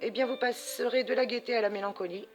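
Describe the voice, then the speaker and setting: A woman hosts an astrology and tarot channel, offering viewers spiritual guidance through card readings in a chatty, affectionate manner and calling them sweet pet names. Her voice is fairly high and quick with fairly even intonation, and music plays behind her.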